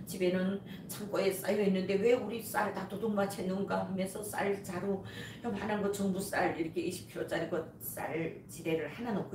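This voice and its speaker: A woman from North Korea with a North Korean accent, a missionary telling her faith testimony with emotion and acting out the prayers and voices she quotes. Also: mid-range voice. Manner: storytelling, acts out prayers and quotes. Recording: roomy, from a distance, faint noise.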